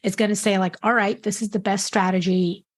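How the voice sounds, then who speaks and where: A woman speaks as an interview guest, her voice at an ordinary middle pitch. She lays out advice in a steady, explanatory way. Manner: explanatory, measured advice-giving. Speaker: marketing strategist guest. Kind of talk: interview answers.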